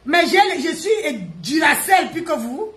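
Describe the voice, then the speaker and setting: A woman, ranting and mocking on a live stream, loud, laughing and teasing. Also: sits high, lively intonation, measured pace, noisy background. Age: 50s. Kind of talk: Facebook live rant. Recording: echoey room.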